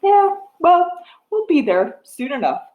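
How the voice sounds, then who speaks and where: A woman hosts a children's storytime, reading to toddlers in a high, very lively voice. She goes slowly and sing-song, stopping to put simple questions to the little ones. The room around her sounds echoey. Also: narrow, tinny audio. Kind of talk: reading a picture book aloud to toddlers, with sing-along and chat. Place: wood-floored living room with a piano, indoors. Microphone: webcam or device mic at about arm's length. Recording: echoey room, device microphone.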